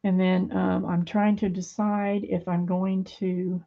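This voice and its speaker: A middle-aged woman with a low, gravelly voice talks casually in her home craft studio. She rambles and hesitates with plenty of fillers. The recording sounds a little dull and muffled. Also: level tone, takes it slowly. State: hands a little weak, fumbling. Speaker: craft video host.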